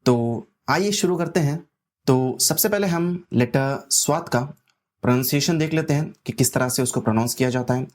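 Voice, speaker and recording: A man teaching a language lesson, explaining slowly and patiently and repeating his instructions. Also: medium pitch, a little mellow. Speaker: Arabic teacher.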